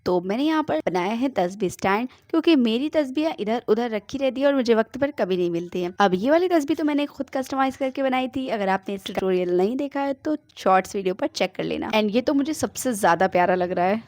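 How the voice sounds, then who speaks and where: Brisk, chatty young woman crafter. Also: fairly high pitch, lively intonation, a little mellow, dry recording. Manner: chatty, mixes English words into Hindi. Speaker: DIY craft channel host. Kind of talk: chatty voice-over tutorial. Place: home, traffic outside.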